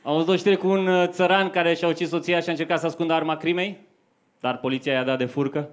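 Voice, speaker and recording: A young adult man's voice, a little high and steady in tone, carries his conversational stand-up storytelling to a live audience. He uses a handheld microphone on a club stage, and the recording contains faint noise.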